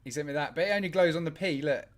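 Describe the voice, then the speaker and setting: A podcast co-host with a voice on the high side races through stories while chatting casually on a live show. He's an animated storyteller who laughs often.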